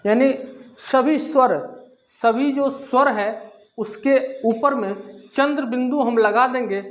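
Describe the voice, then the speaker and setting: Male teacher with a very high voice, repetitive step-by-step explainer, asks and answers his own questions. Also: slow pace. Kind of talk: classroom-style lesson explaining grammar.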